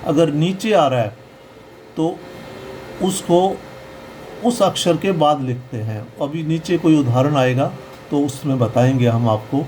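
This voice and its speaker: A man with a fairly high voice explains pronunciation rules at a very slow, deliberate pace. He repeats each sound patiently, the way a teacher does in a recorded lesson. A faint air-conditioner hum sits behind him. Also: darkish tone, rough recording.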